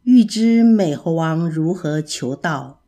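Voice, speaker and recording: A woman narrating a classic children's story in an animated, expressive storytelling manner. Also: sits low, slow pace.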